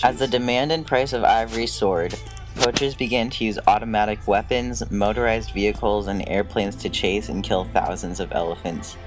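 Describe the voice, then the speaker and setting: A man reads scripted documentary narration. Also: on the low side.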